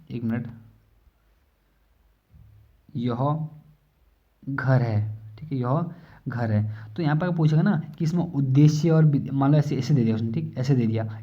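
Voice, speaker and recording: A man teaching a casual exam-prep lesson, explaining with many fillers and questions he asks himself. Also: medium pitch. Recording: slightly dull lo-fi recording.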